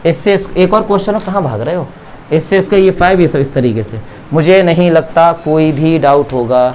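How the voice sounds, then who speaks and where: A man with an Indian accent explains geometry to his maths class in a slightly high, slightly mellow voice at normal speed. Chatty and teasing, he keeps confirming the students follow, with a little hiss or hum in the recording.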